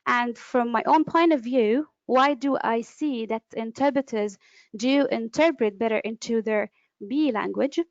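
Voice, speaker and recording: Her high voice has a darkish tone and no echo as she lectures in an online webinar. An interpreter and presenter whose first language is Arabic, she explains with many fillers and restarts. The sound, captured on a computer mic, is dull and lo-fi.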